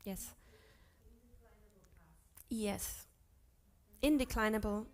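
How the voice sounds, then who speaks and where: A woman teaching a class on Sanskrit scripture, chanting verses slowly and correcting herself aloud as she goes. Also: medium pitch. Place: ashram class.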